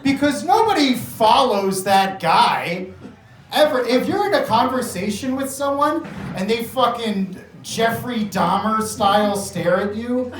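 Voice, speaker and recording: A man's voice: extremely high pitch, lively intonation, measured pace. Nervous, rambling, profane male comedian. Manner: rambling, profane, filler-heavy. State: nervous and sweaty. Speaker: stand-up comedian. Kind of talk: stand-up set. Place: small comedy bar room. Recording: echoey club room from far off. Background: audience noise and laughter.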